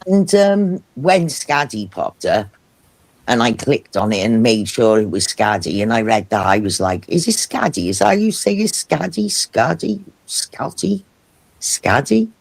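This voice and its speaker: Welsh man, Cardiff accent, husky, animated casual talker. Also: medium pitch, measured pace. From Wales. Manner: animated, swears freely. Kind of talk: casual chat.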